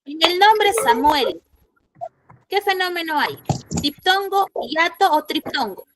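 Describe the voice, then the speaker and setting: A woman's voice: very high-pitched, animated, takes it slowly, fairly bright tone, slight background noise. A woman teacher giving an online school lesson, quizzing her students and repeating the key points. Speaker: secondary school language teacher. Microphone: computer mic in an online class.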